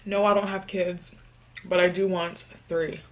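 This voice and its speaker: A young woman from New York doing a casual eating vlog. She answers tag questions and hums between bites in a relaxed, chatty way. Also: on the low side, unhurried. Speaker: mukbang vlogger.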